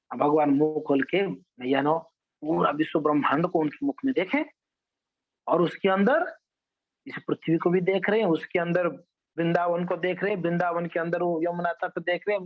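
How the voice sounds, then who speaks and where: High-voiced male preacher telling stories. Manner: animated, asks and answers his own questions. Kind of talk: storytelling sermon. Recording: dull lo-fi recording.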